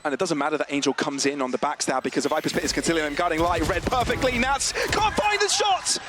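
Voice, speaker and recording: A man casting esports play-by-play, excitable and dramatic, building into shouted calls. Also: fairly high pitch, fast, heavy background noise.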